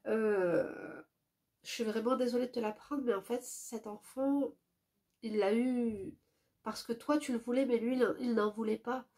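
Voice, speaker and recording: A woman with a stuffy, nasal voice from a cold, reading a viewer's letter aloud and dropping to soft asides between passages. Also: steady tone. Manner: drops to a soft, low voice for quick asides.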